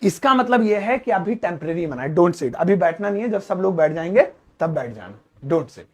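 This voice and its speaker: A man teaching English grammar in a classroom lesson, explaining with slow, repeated examples and chatty asides. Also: sits high, sing-song, darkish tone, slightly rough.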